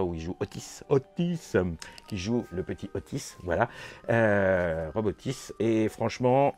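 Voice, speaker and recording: Chatty low-voiced Frenchman, rambling. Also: darkish tone. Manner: enthusiastic, rambling, many fillers and repeats. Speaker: vlogger recounting a convention. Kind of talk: casual vlog recap.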